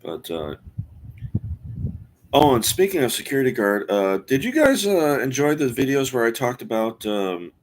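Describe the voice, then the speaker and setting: A man in his forties chatting casually on a live stream, rambling and halting with many fillers and restarts. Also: medium pitch, very animated, a little hiss or hum. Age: 40s. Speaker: streamer host.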